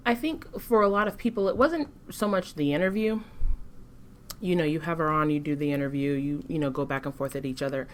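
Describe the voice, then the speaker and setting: Low-voiced woman co-hosting a podcast. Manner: measured, critical, frequent restarts. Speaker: podcast co-host. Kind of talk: casual discussion.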